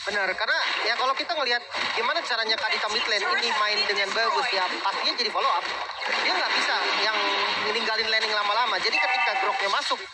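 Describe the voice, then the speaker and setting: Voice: mid-range voice, fast talker, heavy background noise. An esports analyst explaining the game in a conversational commentary style. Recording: loud music behind the voice. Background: loud music.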